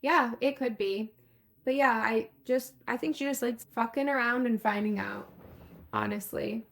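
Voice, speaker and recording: Woman podcast cohost, raspy-ish fry, casual recap chat, swears a lot. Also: a little high, normal speed. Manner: recounts scenes, acts out quotes, swears casually. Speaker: podcast co-host.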